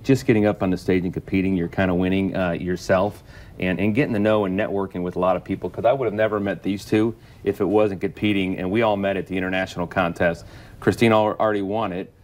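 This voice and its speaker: A man's voice: deep voice, fairly even intonation, quick pace, darkish tone. A man, an auctioneer, talking casually in an interview and explaining things with examples.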